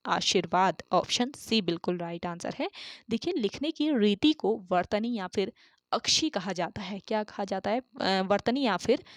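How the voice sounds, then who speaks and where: A woman's voice: medium pitch, no room sound. Woman tutoring Hindi exam questions, dry. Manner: asks questions then answers them herself; repeats key terms for emphasis. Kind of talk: online exam-prep lesson.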